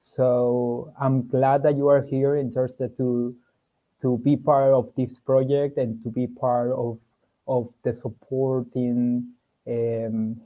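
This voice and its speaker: A man from Venezuela introduces himself as a law student, speaking hesitantly with restarts. His voice stays flat in pitch. The call audio is thin and phone-like. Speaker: program fellow and law student. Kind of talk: self-introduction on a video call. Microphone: video call.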